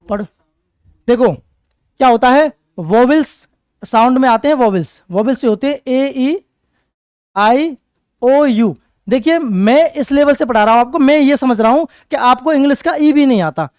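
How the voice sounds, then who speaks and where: A man's voice: very high voice, normal speed, darkish tone, clear, resonant tone, no echo. A man teaching for competitive exams, repeating words and questioning students in a call-and-response style. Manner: repetitive call-and-response drilling; writes on a board while explaining. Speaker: English teacher. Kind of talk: exam-prep classroom lecture.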